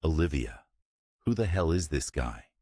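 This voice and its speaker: A man's voice: extremely low pitch, big pitch swings, measured pace, warm tone, husky, dry recording, clean studio sound, full character voice. A man voicing an angry, betrayed young fiancé who speaks sharply and demands answers. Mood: angry, accusing.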